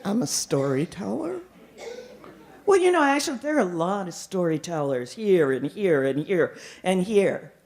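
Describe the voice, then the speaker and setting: A middle-aged woman performing as a live storyteller, with dramatic, deliberate phrasing and frequent repetition. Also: on the low side, sing-song, a little mellow. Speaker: professional storyteller.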